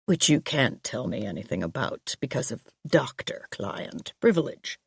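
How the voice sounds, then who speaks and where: A woman voicing a calm, dry male police chief in an audiobook, lowering and quieting her voice. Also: gravelly, husky, dry recording, heavily acted. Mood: measured. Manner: low, quiet and measured.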